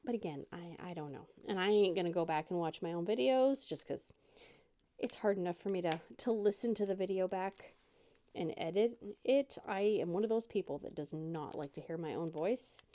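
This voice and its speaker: A middle-aged woman with a lowish, warm, animated voice chats at a moderate pace while crafting at her dining room table. As host of a crafting channel, she rambles casually and pokes fun at herself.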